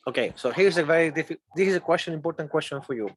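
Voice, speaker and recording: This clip has no room sound and features a man whose husky voice sits on the high side and comes out rapid-fire. He is from Chile, has a Chilean accent, speaks Spanish natively, and teaches English, conducting a conversational interview in which he walks through ideas step by step with examples.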